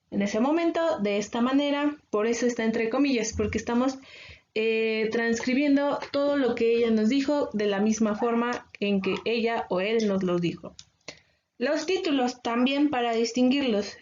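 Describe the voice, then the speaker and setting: A woman teacher with a Mexican Spanish accent explaining a lesson patiently, pausing often with filler sounds. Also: fairly high pitch, a little mellow, lo-fi sound, slight background noise. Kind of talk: recorded online class lecture.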